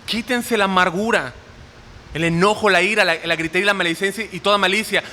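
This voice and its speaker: A man preaches a sermon, checking in with his listeners through quick questions. His voice sits high and rings very bright. It carries a long hall reverb with a faint hiss underneath. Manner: asks the audience questions often.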